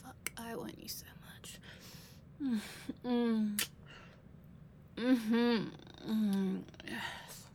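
A woman performs a sultry, commanding female bank robber in an audio drama, delivered as ASMR role-play. Her voice is fairly high and breathy, often breaking into creak, with intimate pillow-talk murmurs. She draws words out very slowly, leaving lingering pauses and sighs. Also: steady tone, noisy background.

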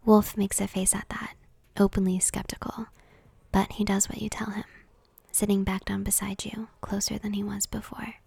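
A woman narrating a second-person story in a soft, intimate whispered role-play. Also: mid-range voice, level tone, moderate pace, vocal fry, breathy edge, no echo.

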